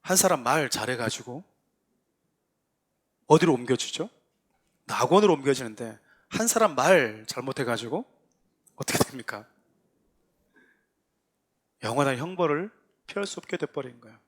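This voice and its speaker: A pastor giving a Sunday sermon, earnest and emphatic, mixing calm explanation with lively quoted voices. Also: male voice, mid-range voice, moderate pace, pauses often, breathy edge. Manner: earnest, rising to emphatic exhortation with acted quotes. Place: church sanctuary.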